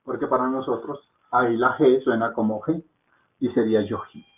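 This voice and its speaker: Here a male Hindi teacher speaks at a moderate pace in a steady, medium-pitched voice during a slow spoken lesson. He drills pronunciation by patiently repeating words, checking in with his students through a soft "¿mm?" or "¿ok?". The recording has an echoey, lo-fi, phone-like sound.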